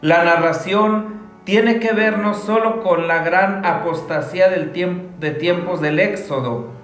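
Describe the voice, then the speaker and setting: A man speaking as a priest, giving a solemn scripture reading and homily in a measured, formal way. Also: fairly high pitch. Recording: echoey room, soft guitar music behind.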